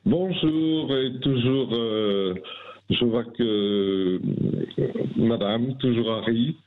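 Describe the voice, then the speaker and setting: A man's voice: mid-range voice, drawn-out words. A man calling in to a radio show, telling a personal story over the phone and rambling, with many hesitant restarts. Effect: phone line. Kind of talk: telling a personal anecdote on air. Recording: tinny phone line.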